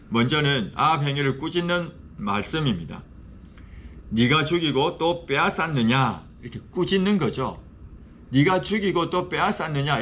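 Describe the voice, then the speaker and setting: A man, a pastor, teaching a Bible study class in a church classroom. He explains in a measured way and poses questions to his students. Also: mid-range voice, fairly bright tone, slight background noise.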